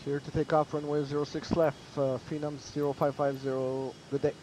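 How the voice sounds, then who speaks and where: A man's voice: on the high side, level tone, a little fast, dark tone, slight background noise, low-quality recording. A man playing pilot in a flight simulator, making radio calls to the tower over a headset with some hesitant fillers and restarts.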